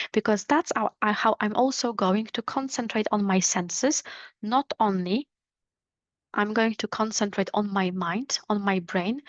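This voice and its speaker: A woman presenting an online webinar over a video call, explaining in a measured way and speaking directly to her listeners. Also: medium pitch, no room sound. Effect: heard over a video call. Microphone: video call microphone. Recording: slightly dull, dry video call audio.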